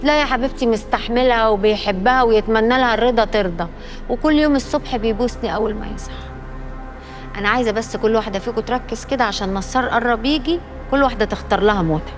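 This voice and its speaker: A defiant captive wife, sarcastic and unbowed, speaking in a fast Egyptian voice, played by an actress. Her tone is a little high. The music score plays clearly beneath. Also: lightly acted. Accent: Egyptian Arabic. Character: defiant young wife, mocking her captors. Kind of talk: Egyptian TV drama acting.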